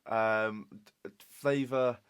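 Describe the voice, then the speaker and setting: A man's voice: lowish voice, fairly even intonation, slow, fairly bright tone, clean tone. A British man co-hosting a casual podcast, jokey and self-mocking. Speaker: podcast co-host. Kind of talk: casual chat.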